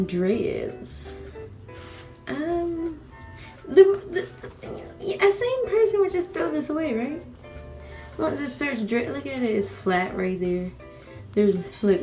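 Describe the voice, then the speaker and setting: A woman's voice: on the high side, warm tone, far from the mic, rough recording. A woman vlogger giving a casual how-to, joking and profane, who keeps asking "you know?". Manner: joking, self-mocking. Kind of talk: casual tutorial chat.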